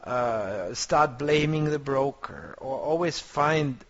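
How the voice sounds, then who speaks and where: A man's voice: medium pitch, animated, slow pace, a bit bright. A man teaching a trading course, coaching his students in a motivational way and often searching for words. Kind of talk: online course lecture. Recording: dull lo-fi compressed audio.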